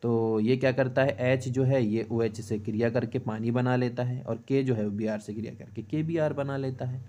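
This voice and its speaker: A man in middle age teaches an exam-prep chemistry lesson in a mellow, relaxed voice at a middling pitch. He works through each step slowly, asks his own questions aloud and answers them, and keeps checking in with his students. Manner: steady rhythm of short checks to the class.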